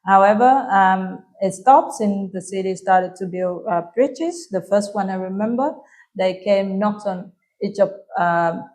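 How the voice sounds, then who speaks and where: A woman in her thirties with a Vietnamese accent, answering interview questions in English softly and with frequent hesitations. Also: mid-range voice, unhurried. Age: 30s. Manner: soft-spoken, hesitant with frequent ums. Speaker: guest.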